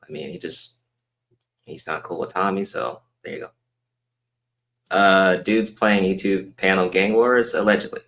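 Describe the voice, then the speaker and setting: A man's voice: low-pitched, steady tone, a little slow, pauses often, a bit bright. A man hosting a live-stream panel in casual chat, laid-back and full of "um" fillers.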